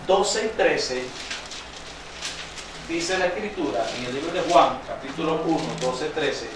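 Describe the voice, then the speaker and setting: A man preaching a sermon, quizzing his congregation with call-and-response questions and reading scripture slowly with emphasis. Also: fairly high pitch, noisy background. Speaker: pastor. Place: church sanctuary. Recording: very echoey church hall, distant mic.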